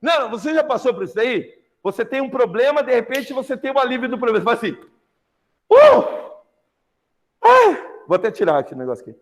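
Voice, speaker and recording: A man with a Brazilian Portuguese accent teaching a literature lesson, retelling a novel and acting out the characters' lines. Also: racing. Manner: lively, acts out characters' lines with big pitch jumps. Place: classroom. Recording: long reverb.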